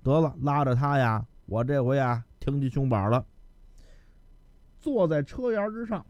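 A man telling a comic story solo, animated and switching between characters. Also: mid-range voice, moderate pace, no room sound, muffled recording.

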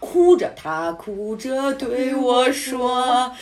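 A woman chatting casually, telling a story with animated, indignant outbursts. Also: high-pitched, very slow. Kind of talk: casual chat.

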